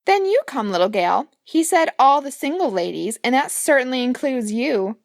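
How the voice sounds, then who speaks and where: A woman's voice: very animated, moderate pace, creaky, no echo, studio quality, full character voice. Woman putting on a pompous, taunting young princess. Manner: taunting, high and sing-song.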